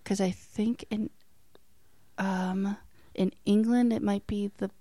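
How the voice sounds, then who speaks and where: A woman chatting casually with a friend, giggling through her sentences and padding them with fillers. Her voice sounds close and dry, with no room around it. Her pitch sits in a middle range. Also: fairly even intonation, takes it slowly, dark tone, no echo. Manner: chatty, laughs often, filler-heavy. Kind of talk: casual chat. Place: American.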